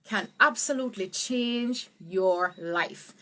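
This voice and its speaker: A woman teaching a live online speech tutorial, greeting viewers and swooping her pitch up and down to show emphasis. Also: takes it slowly, bright, forceful tone. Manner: greets viewers by name, laughs easily. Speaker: speech coach.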